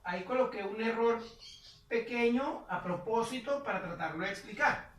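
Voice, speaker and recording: A woman's voice: fairly high pitch, moderate pace, a little hiss or hum. A woman teaching English grammar, explaining step by step and drawing out the example sentences. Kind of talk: slow whiteboard grammar lesson. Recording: echoey room from far off.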